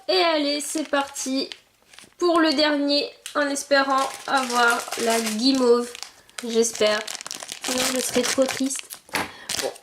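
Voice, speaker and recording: Over a noisy background, a high-voiced young woman vlogs about collectible figurines she's unboxing. Her commentary is casual, full of thinking aloud and little exclamations as she opens and smells them.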